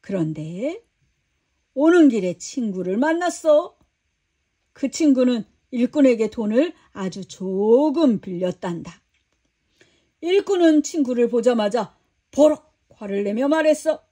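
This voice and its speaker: A patient, kindly male teacher tells a story in a children's Bible storybook, voiced by a woman. He speaks slowly and calmly, with a soft, high voice. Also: slightly rough, full character voice. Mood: gentle. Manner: calm, kindly storytelling to a disciple.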